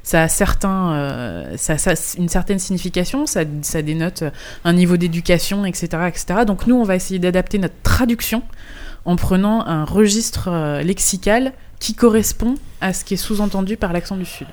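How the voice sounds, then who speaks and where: A woman's voice: on the low side, moderate pace, a little mellow. Woman explaining game localization. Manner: explanatory, with many restarts and hesitations. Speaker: guest, game localization manager. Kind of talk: casual podcast discussion.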